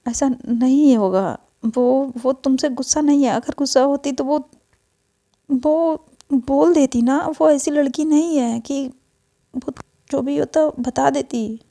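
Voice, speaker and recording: Woman playing a gentle mother, soothing, coaxing, repeats words, high gravelly voice. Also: slow pace, heavily acted. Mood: reassuring.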